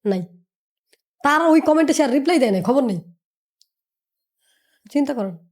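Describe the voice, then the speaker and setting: A woman's voice: high-pitched, lively intonation, moderate pace, a little mellow. A woman giving motivational business advice on a podcast. She lectures emphatically, repeating points and firing rhetorical questions. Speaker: business mentor.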